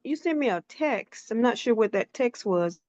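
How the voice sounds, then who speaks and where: A woman on a call to a meeting, talking in a hesitant, halting way while her audio keeps breaking up and cutting out. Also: a little high, expressive, a little mellow, no echo. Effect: choppy call audio that keeps cutting out. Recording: muffled lo-fi call line.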